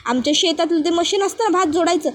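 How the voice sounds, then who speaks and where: A woman's voice: very high-pitched, fast talker. A woman putting on Krishna, a stubborn village bride. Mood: protesting. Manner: rustic village dialect, protesting and fussy.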